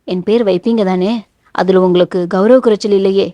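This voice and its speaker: A woman's voice: mid-range voice, steady tone, mellow, no room sound, highs cut off, natural voice. A woman reading the lines of a bold young woman who teases and comforts a friend in a novel. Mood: teasing tender. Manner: teasing yet tender, quick. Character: bold young woman saying a teasing goodbye.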